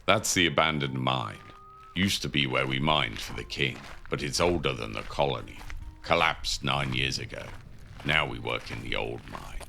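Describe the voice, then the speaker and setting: Very deep, gravelly prison inmate, acted by a man. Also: moderate pace, bright, forceful tone, a little hiss or hum, full character voice. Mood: matter-of-fact, advising. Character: gruff, seasoned male convict guiding a newcomer, worldly and cynical. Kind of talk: audio drama dialogue. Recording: music under the voice.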